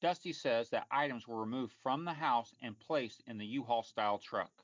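A man hosting and narrating a true crime story from a script in a measured, formal, matter-of-fact way. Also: mid-range voice, fairly bright tone, dry recording, highs cut off. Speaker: podcast host and narrator.

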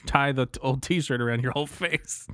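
Male podcast co-host, mid-pitched, casual conversational delivery, dry close sound. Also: moderate pace, pushed and bright, no room sound. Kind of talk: casual chat.

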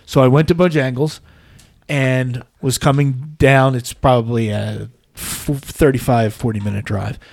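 A man's voice: medium pitch, fairly even intonation, a little slow, gravelly, a little mellow, no echo. Man, podcast co-host, casual storyteller, self-mocking, dry mic. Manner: rambling anecdotes with self-mocking humor. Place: podcast studio.

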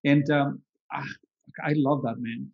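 A man's voice: mid-range voice, unhurried, vocal fry, muffled recording. Chatty man in his late forties, roomy sound. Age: 40s. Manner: relaxed, chatty, says "man" a lot. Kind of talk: casual podcast chat.

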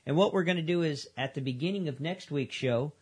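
A man's voice: on the high side, fairly quick, slightly rough. A man co-hosting a paranormal radio show in casual, conversational talk. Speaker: co-host of a paranormal radio podcast.

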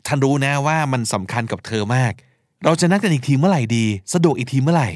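A man's voice: medium pitch, animated, fast, a little mellow, dry recording, studio quality. A man hosting a podcast, teaching and explaining vocabulary, spelling out words and acting out short examples. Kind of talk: explanatory language lesson talk.

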